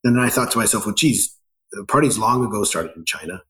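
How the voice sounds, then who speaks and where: A middle-aged Ecuadorian business founder answers interview questions haltingly, with many fillers and restarts. His voice sits on the low side and is a bit bright.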